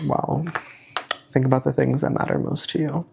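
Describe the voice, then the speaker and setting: Stuffed up and nasal from a cold, this young man vlogs casually while reading through a self-help worksheet. His mid-range voice stays fairly level at a normal speed, darkish and breathy with vocal fry, and he rambles hesitantly, leaning on many fillers.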